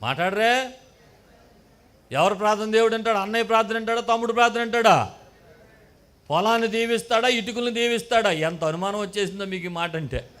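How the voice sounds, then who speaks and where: A man's voice: sits high, brisk, long pauses, a bit bright. A man preaching a sermon as pastor, leading the congregation in call and response and acting out sample prayers with emphatic rising bursts.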